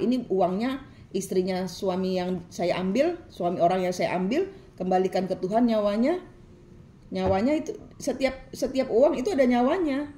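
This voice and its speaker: A woman's voice: mid-range voice, dark tone, a little hiss or hum. A woman tarot reader, giving a preachy, scolding reading full of repetition.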